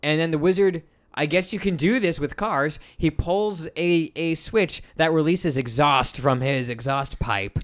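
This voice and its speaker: A man's voice: on the high side, a little slow, hardly any pauses. A man co-hosting a podcast, joking and swearing as he recaps an old film serial. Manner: animated, jokey, swears freely, laughs often. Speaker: podcast co-host. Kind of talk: casual comedic film recap chat.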